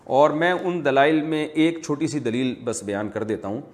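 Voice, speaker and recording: Calm, measured male Islamic scholar. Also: on the high side. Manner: measured, explanatory, teacherly. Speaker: Islamic scholar answering viewer questions. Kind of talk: religious Q&A lecture.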